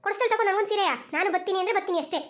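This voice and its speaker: A woman's voice: very high voice, steady tone, rapid-fire, a bit bright. A woman voicing a stubborn, quarrelsome elderly mother-in-law in a village cartoon, who talks insistently and repeats herself. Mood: bossy. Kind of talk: cartoon voice acting.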